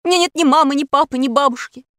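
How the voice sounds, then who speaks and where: Brief: woman playing a high, flustered shape-shifter girl, loud and breathless. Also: very fast, no echo, studio quality.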